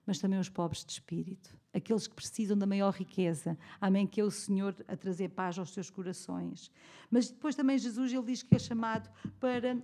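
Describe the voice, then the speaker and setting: A woman's voice: mid-range voice, warm tone. A woman with a European Portuguese accent preaching a sermon in a church, conversational and often asking the congregation for an amen. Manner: conversational, calls for "amen" responses.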